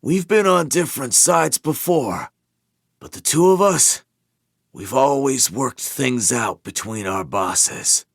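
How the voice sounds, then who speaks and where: A badly wounded fighter who talks slowly and calmly, trying to reason his way out, played by a man reading an audiobook. His voice is strained with pain. It is recorded dry and close. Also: medium pitch, breathy edge, no room sound, voice pushed up, heavily acted. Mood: strained pleading. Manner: calm, urgently reasonable.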